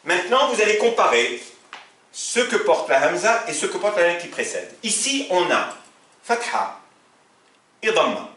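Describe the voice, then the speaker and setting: Recorded from a distance in an echoey room, a man gives a grammar lesson, teaching Arabic in French. His voice sits high with big pitch swings and a bright, forceful tone, a little slow with long pauses. He often says to look, asking questions and then answering them himself.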